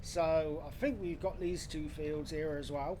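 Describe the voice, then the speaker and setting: A man's voice: fairly high pitch, fairly even intonation, unhurried, background noise. A man with a blokey, matey way of talking, giving casual livestream commentary on a game. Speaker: live streamer.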